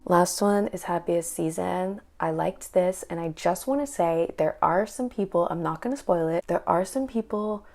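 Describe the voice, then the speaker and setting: A young woman vlogging casually, chatty and full of quick asides. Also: fairly low pitch, gravelly, darkish tone, faint music behind. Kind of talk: casual chat.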